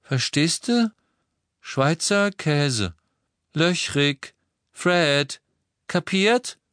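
Ein Mann, der in einem Hörbuch einen verletzten jungen Mann spricht, der gedehnt und trocken Witze macht. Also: male voice, high voice, lively intonation, measured pace, a bit bright, dry recording, clean studio sound, voice pushed up. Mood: dazed joking. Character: wounded young man, joking twin.

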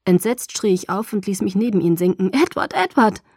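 A woman reading a novel aloud in the first person, with a dramatic, expressive delivery. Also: medium pitch, brisk, dry recording, studio quality. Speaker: audiobook narrator.

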